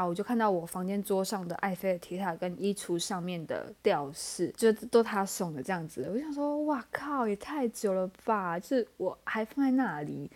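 A young woman hosts a solo podcast and chats through personal stories. Her voice is mellow and warm at an everyday middle pitch. She acts out her own past lines with lively, animated delivery. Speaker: podcast host. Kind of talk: casual solo podcast storytelling.

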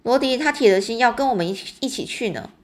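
A woman's voice: on the high side, lively intonation, quick pace, voice pushed up, lightly acted. A woman reading aloud and voicing a kindly, teasing old grandfather in a storybook.

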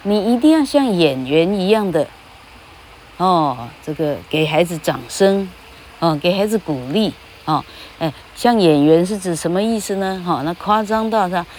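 A woman's voice: on the low side, lively intonation, unhurried, darkish tone, slight background noise. An older woman, a retired English teacher giving a casual spoken monologue, speaking of herself in the third person and tagging her phrases with little "ha" sounds.

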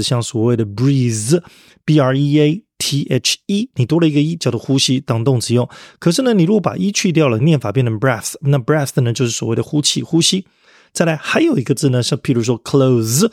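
A man's voice: mid-range voice, no room sound. Upbeat male podcast teacher, dry close sound. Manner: friendly, upbeat, spells words letter by letter, ends phrases with soft particles. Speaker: English vocabulary teacher and podcast host. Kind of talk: podcast vocabulary lesson.

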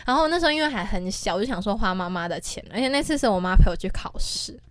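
Young woman chatting, fast and bouncy, laughs a lot, dry close sound. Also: medium pitch, no echo. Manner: animated, expressive storyteller who laughs often. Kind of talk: casual chat, personal storytelling.

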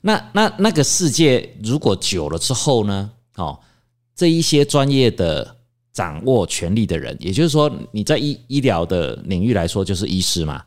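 A man, a lawyer explaining legal points in a measured way, full of drawn-out fillers. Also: on the low side, big pitch swings. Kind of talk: discussion.

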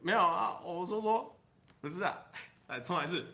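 A man with a Taiwanese Mandarin accent chatting casually on a livestream, rambling through jokes with drawn-out particles and chuckling at his own punchlines. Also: high-pitched, creaky, bright, forceful tone.

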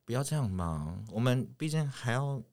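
A man's voice: mid-range voice, big pitch swings, normal speed, darkish tone. A young Taiwanese man co-hosting a casual podcast chat, joking and asking teasing questions. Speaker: podcast co-host.

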